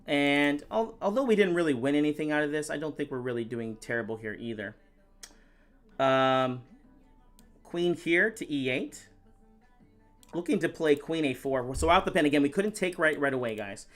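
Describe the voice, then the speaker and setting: Chatty man live-streaming chess commentary, slightly high voice. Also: lively intonation, normal speed, soft background music. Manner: chatty, thinking aloud, talking to viewers.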